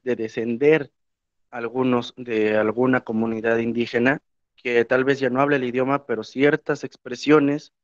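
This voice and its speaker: Heard through a dry, muffled lo-fi recording, a historian who teaches Nahuatl reflects during a panel, filling his speech with fillers. He is a young Mexican man whose first language is Spanish; his mid-range voice carries a Mexican Spanish accent.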